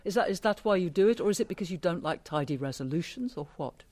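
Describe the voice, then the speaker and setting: A radio presenter leading an interview in a chatty, teasing way, with lively asides. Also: mid-range voice, quick pace.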